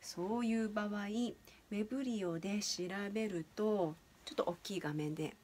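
A woman's voice: mid-range voice, moderate pace, a little mellow, a little hiss or hum. A woman teaching English pronunciation in a casual video lesson, chatty and explaining step by step with many fillers.

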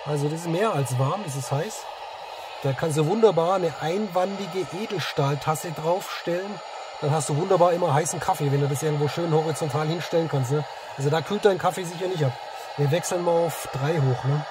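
A middle-aged amateur CB operator and vlogger chats casually in a high, fairly quick voice while testing a radio inside his parked car in a forest. The recording is clearly noisy, dominated by radio static and hiss.

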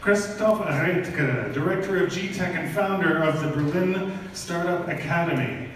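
A man's voice: on the high side, fairly even intonation, normal speed. A man with a Canadian accent hosting a live startup competition, upbeat and loose, stumbling over names. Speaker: event host. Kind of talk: live event emceeing. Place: large event hall. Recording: echoey hall, speaker far off, faint noise.

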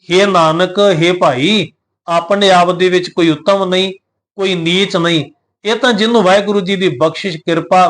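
Male scripture teacher, fairly high voice, slow chanted verse recitation alternating with calm plain explanation. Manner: gives pronunciation guidance. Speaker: Gurbani teacher.

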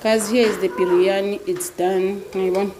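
A woman's voice: mid-range voice, flat delivery, normal speed. A middle-aged woman, chatting casually in a vlog and often calling out to "guys". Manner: chatty, keeps saying "guys". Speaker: lifestyle vlogger. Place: airport terminal, then home kitchen. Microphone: phone at arm's length. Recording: phone video with crowd and background noise.

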